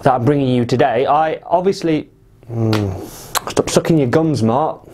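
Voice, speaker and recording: A man's voice: medium pitch, moderate pace. A man hosting a casual vlog, stumbling over his words, restarting and swearing at his own slip-ups. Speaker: vlog host. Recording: noisy background.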